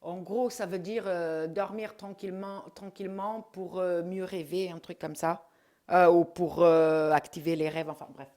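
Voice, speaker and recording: A middle-aged woman chatting casually at home as she shows off a shopping haul, hesitating often with drawn-out fillers. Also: fairly low pitch, steady tone, dark tone. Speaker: vlogger showing her shopping haul.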